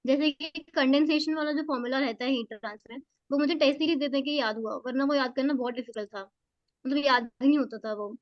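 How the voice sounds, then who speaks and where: A high, youthful woman's voice gives earnest, repeated advice, stressing each point as she goes. The sound is dull and bone-dry, with no room around it. It sounds like audio from an online call. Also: fast talker, no room sound. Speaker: exam topper guest. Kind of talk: interview answers, casual advice.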